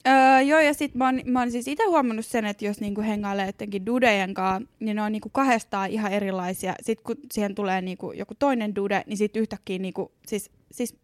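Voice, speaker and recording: A woman's voice: medium pitch, fairly even intonation, few pauses, no room sound, studio quality. A young adult woman co-hosting a podcast in casual chat, talking loosely with lots of filler words and the odd swear word. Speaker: podcast co-host.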